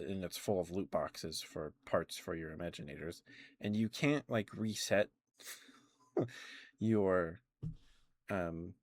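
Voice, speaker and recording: A young man doing soft-spoken, casual ASMR rambles in a giggly, halting way, close to the microphone. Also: low-pitched, dry recording. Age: young adult. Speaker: ASMR streamer.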